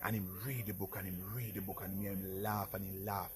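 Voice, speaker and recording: A man with a Jamaican accent, speaking in patois as he tells stories about his life in a casual vlog, jumping from loud exclamations to low murmurs. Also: little pitch movement, a little fast, a crowd in the background. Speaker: vlogger.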